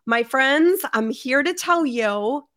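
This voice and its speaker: Woman podcast host, enthusiastic, keeps affirming her guest, a bit high voice. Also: animated, slow pace, fairly bright tone. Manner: enthusiastic, affirming, says amen. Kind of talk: casual interview chat.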